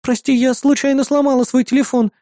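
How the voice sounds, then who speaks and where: A man's voice: extremely high pitch, little pitch movement, fairly quick, dark tone, dry recording, studio quality, pitched above the performer's own voice. A man voicing a sweet, devoted young girl, the narrator's little sister, who talks in an affectionate, pleading way.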